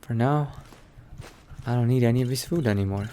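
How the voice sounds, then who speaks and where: In an improvised roleplay monologue, a man portrays a thoughtful scholar who is becoming a vampire, musing out loud in a halting way. His natural, mid-range voice has a dark tone, with slight background noise.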